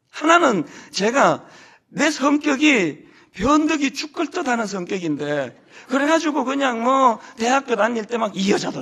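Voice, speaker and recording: A middle-aged man leads a sermon from the pulpit of a church sanctuary. His voice sits very high and swings widely in pitch. He tells stories about his own fears with self-mocking humor and teases the congregation as he goes. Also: a bit bright. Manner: humorous self-deprecating storytelling; jokes with the congregation. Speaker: senior pastor.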